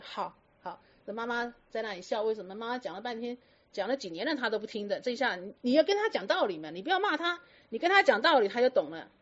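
Higher-voiced woman lecturing with questions. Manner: lively, lecturing, rhetorical questions. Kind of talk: storytelling talk to an audience. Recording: dull lo-fi recording.

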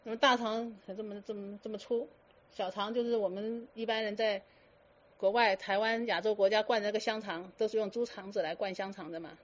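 A woman's voice: mid-range voice, fairly even intonation, fairly quick. Teasing woman Buddhist teacher, lo-fi. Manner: teasing rhetorical questions, mixes English words. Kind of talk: dharma talk to students.

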